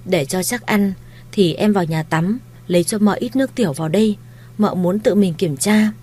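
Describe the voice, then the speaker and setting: A woman voicing a kind, shrewd young mistress of a household, speaking in a gentle, coaxing, reassuring way. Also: mid-range voice, moderate pace, breathy edge, lightly acted.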